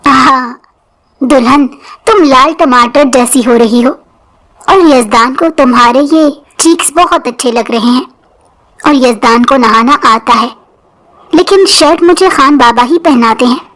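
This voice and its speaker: A woman's voice: high voice, a bit bright. A woman voicing a grown man who acts like a clingy, stubborn child, with a whiny and innocent way of talking. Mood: childlike.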